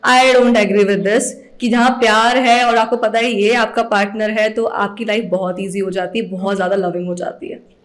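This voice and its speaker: A woman's voice: mid-range voice, flat delivery, moderate pace. A young woman from Bhopal, a news anchor, chatting casually as an interview guest and mixing in English phrases. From Bhopal, India.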